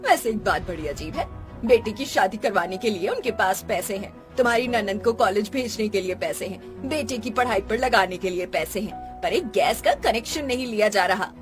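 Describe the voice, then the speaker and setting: A woman's voice: medium pitch, expressive, moderate pace, music in the background, close to an everyday voice. A woman playing a sly, meddling aunt. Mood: coaxing. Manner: sly, coaxing, insinuating. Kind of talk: animated cartoon voice acting.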